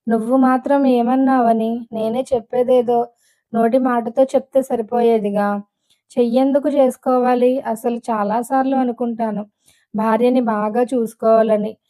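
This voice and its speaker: A woman's voice: fairly high pitch, mellow, close to an everyday voice. A woman reading the lines of a remorseful young husband who pleads earnestly with his wife in an audiobook.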